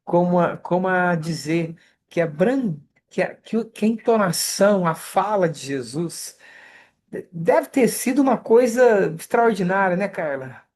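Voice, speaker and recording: With a Brazilian Portuguese accent, a study group leader teaches an online scripture lesson over a video call, keeping it conversational and checking in often with listeners. The voice is medium in pitch and darkish in tone, with lively intonation and a slightly slow pace.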